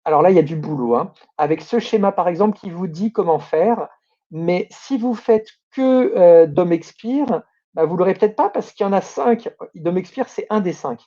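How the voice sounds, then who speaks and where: A man's voice: high voice, animated, moderate pace, warm tone, lo-fi sound. A man hosting a domain name news show, commenting in an opinionated, grumbling way with many fillers and restarts.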